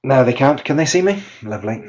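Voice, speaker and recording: During a live webinar, a teacher trainer speaks into a computer mic with webcam, working through things step by step while often restarting his sentences and emphasizing example words. His mid-range voice is fast, lively in intonation and a little mellow, and the recording is muffled.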